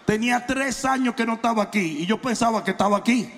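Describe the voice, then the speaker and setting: High, gravelly preacher man. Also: a little hiss or hum. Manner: challenging, confrontational preaching with humor; shouts for emphasis, slows on key phrases. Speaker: pastor. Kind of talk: sermon. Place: large church hall. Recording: long hall reverb.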